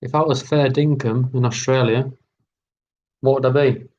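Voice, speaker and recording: A man hosting a live online quiz, reading out each question slowly and repeating every term. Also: mid-range voice, steady tone, darkish tone, lo-fi sound. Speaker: quiz host.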